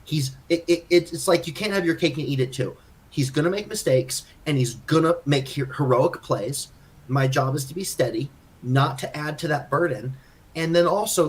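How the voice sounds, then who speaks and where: A man co-hosting a podcast, chatting casually and thinking aloud about his own game, self-critical and full of restarts. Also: fairly high pitch. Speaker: podcast co-host. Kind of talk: casual chat.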